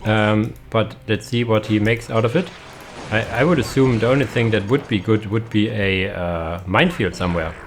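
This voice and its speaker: A man's voice: lowish voice, moderate pace, a little hiss or hum. A young man giving casual, hesitant commentary on a strategy game match, with many fillers and restarts. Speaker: caster.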